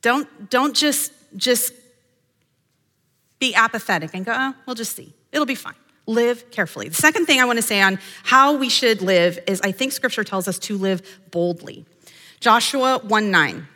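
A woman's voice: fairly high pitch, pushed and bright, big-room sound. A woman hosting a devotional podcast, teaching women from scripture in an earnest, emphatic way and reading verses aloud. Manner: earnest and emphatic, quotes imagined voices and reads scripture aloud. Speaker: podcast host and Bible teacher.

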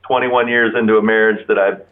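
Speaking as an interview guest on a narrow-band phone line, this Florida man in his forties keeps things casual. He has a fairly low, level voice, talks briskly, and there's a bit of hiss or hum.

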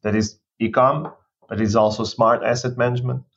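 A man's voice: medium pitch, steady tone, fairly quick. A man in his thirties from Portugal, a guest executive talking through his career in a podcast interview, thoughtful and given to restarts. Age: 30s. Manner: thoughtful, with restarts and non-native phrasing. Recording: dull lo-fi sound.

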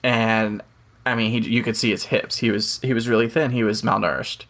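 A man's voice: on the low side, level tone, normal speed, a bit bright. A man co-hosting a podcast, telling a rambling story with jokey asides in casual chat. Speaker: podcast co-host.

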